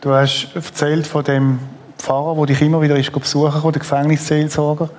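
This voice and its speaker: A man's voice: fairly high pitch, little pitch movement, a little fast, darkish tone. A man hosting an interview, reading a book passage aloud and murmuring agreement. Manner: attentive, frequent murmured agreement. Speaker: host, interviewer.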